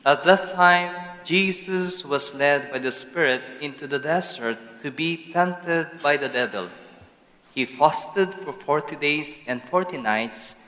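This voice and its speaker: A man, a priest, proclaiming a gospel reading in slow, measured tones, with a long cathedral echo around him. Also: fairly high pitch, bright, forceful tone. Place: large church. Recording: long church hall reverb.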